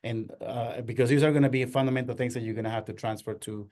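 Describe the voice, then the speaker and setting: A man's voice: medium pitch, steady tone, fast talker, a little mellow. Middle-aged man from Ecuador, earnest workshop presenter, hesitant with fillers, mid-range voice. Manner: earnest, many fillers and restarts. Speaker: workshop presenter, marketing agency owner. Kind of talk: workshop lecture.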